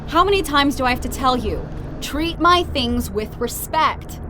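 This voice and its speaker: An actress playing a hardworking teenage fast-food assistant manager, bossy but friendly, with quick exasperated sighs. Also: female voice, high-pitched, expressive, noisy background. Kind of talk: audio drama acting.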